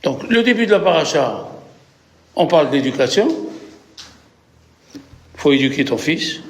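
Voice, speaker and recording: Male rabbi, higher voice, animated lesson, quizzes his audience. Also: unhurried, creaky. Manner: animated, asks the audience questions. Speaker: rabbi teaching a class. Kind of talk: religious lesson.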